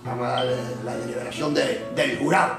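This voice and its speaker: A man with a Cuban Spanish accent giving a personal testimony, telling his story in an animated way and acting out the voices of others. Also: medium pitch, a little fast, vocal fry, roomy sound, music in the background. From Cuba. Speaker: former prisoner giving testimony.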